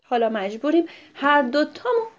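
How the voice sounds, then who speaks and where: Woman doing a kind patient traveler man, storybook tale, soft gentle voice, lively pitch, lo-fi. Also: slight background noise. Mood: sad. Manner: gentle and sighing, soft at times. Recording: muffled lo-fi recording.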